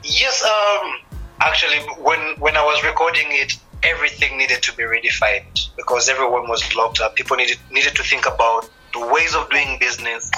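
Guy in his 30s, musician on a radio interview, super bright voice, slow thoughtful talk with lots of uhs, faint music behind. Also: mid-range voice, rough recording. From East Africa. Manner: thoughtful, unhurried, many pauses and fillers. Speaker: musician guest.

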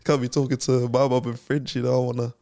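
A relaxed young man talks in a casual, easygoing way, often breaking into a laugh. He speaks at an ordinary mid pitch. The sound is dry and close to the mic. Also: quick pace, no echo. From England. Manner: easygoing, laughs often, mild swearing substitutes. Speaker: guest boxer. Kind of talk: casual podcast chat.

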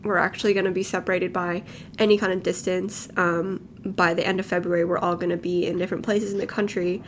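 A woman's voice: fairly low pitch, level tone, fast talker, a little hiss or hum. A nineteen-year-old woman from California, co-hosting a podcast in a casual, rambling chat full of "like" and "um". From Los Angeles, California. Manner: rambling, filler-heavy, lots of "like" and "um". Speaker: podcast co-host. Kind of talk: casual chat among friends. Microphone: home podcast mic, lo-fi.

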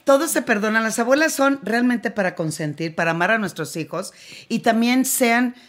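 A woman's voice: fairly high pitch, moderate pace. Frank Mexican woman explaining openly. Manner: frank, animated, laughs often. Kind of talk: casual podcast chat.

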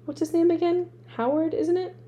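A woman's voice: extremely high pitch, steady tone, normal speed, dark tone, a little hiss or hum, voice pushed up. A woman voicing a nervous, stuffy middle-aged husband who mumbles hesitantly.

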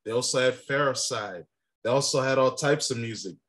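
A man's voice: medium pitch, normal speed, a bit bright. Argumentative young man debating rap. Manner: argumentative, talks over his partner, profane. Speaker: podcast co-host. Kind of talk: casual debate about rap.

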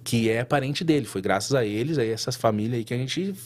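A man tells a long story as a guest in a casual interview. His voice sits at an ordinary middle pitch. He talks in an animated, slangy way, full of fillers and quick restarts. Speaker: tattoo artist guest.

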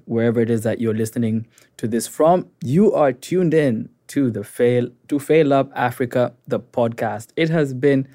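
A young man co-hosting a podcast in easy, casual talk. His voice is dark and mellow, and he adds playful, upbeat emcee flourishes. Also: medium pitch. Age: young adult. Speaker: podcast co-host.

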